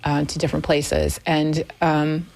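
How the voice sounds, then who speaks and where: A German woman in her fifties, a guest on a radio talk show, speaks in a low, flat, darkish voice with vocal fry and a measured pace. Her conversational interview in the radio studio is candid and thoughtful, full of fillers.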